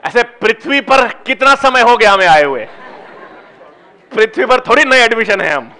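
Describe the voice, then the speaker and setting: Teacher, male, high bright voice, coaxes students to try answers in a classroom. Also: lively intonation, a faint crowd. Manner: coaxing, encouraging students to answer; slow, deliberate when explaining steps. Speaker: biology teacher. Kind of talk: classroom lecture with student questions.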